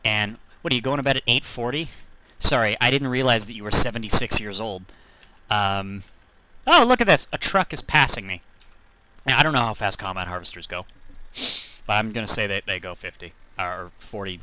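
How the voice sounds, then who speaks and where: A man's voice: on the low side, lively intonation, normal speed, pushed and bright. A man streaming a driving game, chatting casually and telling rambling jokey stories to his viewers. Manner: rambling, jokey, self-deprecating. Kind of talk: casual gameplay commentary.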